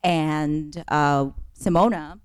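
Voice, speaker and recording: A woman's voice: deep voice, fairly even intonation, drawn-out words, clean tone. A woman physician assistant, a guest on a podcast, who explains treatments in a composed, professional way. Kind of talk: interview answers.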